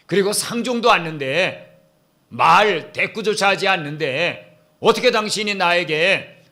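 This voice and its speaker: A man voicing a blunt, scornful Samaritan woman at a well, with a fairly high voice. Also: pushed and bright. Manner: scornful, retorting.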